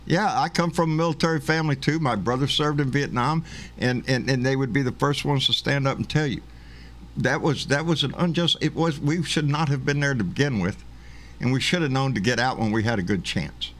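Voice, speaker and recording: A man's voice: mid-range voice, a little fast, a bit bright. A man in his late sixties chatting casually, folksy and agreeable, with chuckling asides. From born in Cuba, raised in the United States. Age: 60s. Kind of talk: casual political chat.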